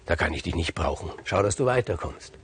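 A man voicing a proud, jealous king in a spoken fairy tale, haughty and slow-spoken. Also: expressive, fairly bright tone, a little hiss or hum. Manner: haughty and brooding, slow and low.

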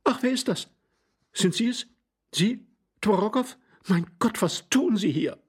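A man reading aloud and voicing a flighty, quick-witted young married woman in a gushing, breathless manner. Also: on the high side, lively intonation, gravelly, slightly rough, pitched above the performer's own voice, full character voice. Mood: startled.

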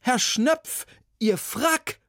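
A man's voice: high-pitched, measured pace, gravelly, a little hiss or hum, voice pushed up. A man reading a children's story, voicing a flustered young female assistant who stammers and hesitates. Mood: alarmed.

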